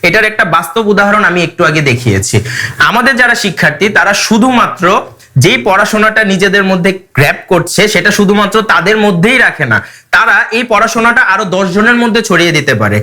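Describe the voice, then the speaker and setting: Male English teacher, high-pitched, brisk and upbeat. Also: lively intonation, pushed and bright. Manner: brisk, encouraging, promotional. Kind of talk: classroom address.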